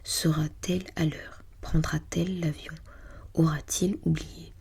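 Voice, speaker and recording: Low, breathy library whisper from a woman. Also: level tone. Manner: hushed, unhurried, murmuring to self while reading. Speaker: ASMR host. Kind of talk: whispered ASMR reading with musing asides.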